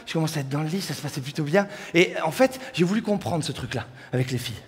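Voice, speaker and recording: A man's voice: fairly high pitch, expressive, quick pace. A young man doing a rowdy, crude stand-up comedy set and bantering with the crowd in a large hall. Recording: live hall reverb with faint crowd ambience.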